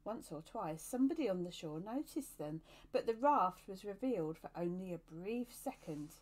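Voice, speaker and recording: A woman's voice: mid-range voice, animated, normal speed, a little mellow. Woman reading a novel aloud. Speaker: storyteller.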